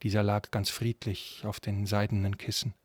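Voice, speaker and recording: Calm male fantasy narrator. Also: lowish voice, no echo. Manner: calm, measured storytelling. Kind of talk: scripted narration of a fantasy story.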